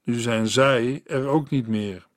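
A man's voice: medium pitch, slow pace, dry recording, studio quality, close to an everyday voice. A man voicing a desperate, grieving widower who has been drinking, asking broken, pleading questions.

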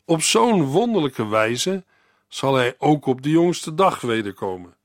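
A man giving a measured, earnest Bible reading with devotional commentary, speaking directly to the listener. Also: fairly high pitch, very animated, dry recording, clean studio sound. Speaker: radio Bible teacher.

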